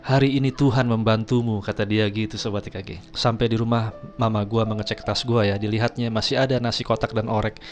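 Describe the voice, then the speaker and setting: A man's voice: lowish voice, flat delivery, quick pace, faint music behind. A man casually telling a personal story, chatty, keeps addressing his viewers. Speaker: storyteller host.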